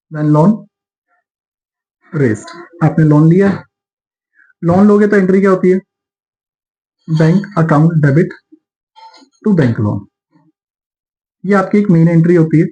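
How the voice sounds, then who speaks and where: A man teaching accountancy in a classroom lecture, explaining step by step, mixing English terms into Hindi in an Indian accent and slowing down to dictate entries. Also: high voice, dark tone, poor audio. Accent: Indian English terms mixed into Hindi.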